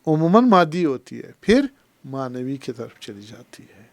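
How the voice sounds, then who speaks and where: A man with a Kashmiri accent giving a religious lecture as a scholar, who teaches by putting questions to his listeners and recites Arabic quotations slowly. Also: medium pitch, sing-song, no echo. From Pakistan. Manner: explains by asking the audience questions. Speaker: Islamic scholar.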